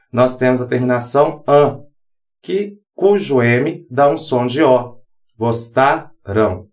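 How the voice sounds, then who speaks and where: A man in a scripted grammar lesson, speaking at a slow, careful pace with a mid-range voice. He spells examples letter by letter and pauses between each word. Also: mid-range voice. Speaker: teacher.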